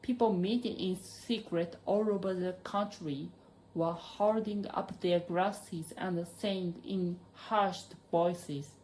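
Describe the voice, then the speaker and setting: A woman with a Japanese accent reading a storybook aloud as an audiobook narrator, in a careful, unhurried way. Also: lowish voice, fairly even intonation, darkish tone, slight background noise, rough recording.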